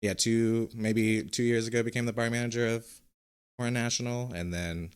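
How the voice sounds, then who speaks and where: A man's voice: medium pitch, steady tone, normal speed, clean tone. A young man chatting casually as a podcast guest, laid-back and full of ums and little laughs. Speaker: podcast guest, bar manager.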